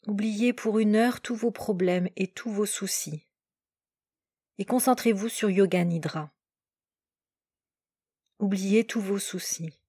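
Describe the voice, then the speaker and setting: A woman teaching yoga nidra talks listeners through a relaxation meditation in a husky, mellow, soft-edged mid-range voice. She delivers calm guidance very slowly in short, separate phrases, and the recording is dry and close, with no room around it.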